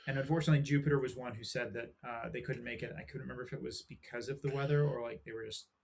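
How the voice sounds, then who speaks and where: A man's voice: mid-range voice, fairly even intonation, racing, creaky. Easygoing male co-host, faint noise. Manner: easygoing, with fillers. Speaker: podcast co-host. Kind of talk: casual live-stream chat.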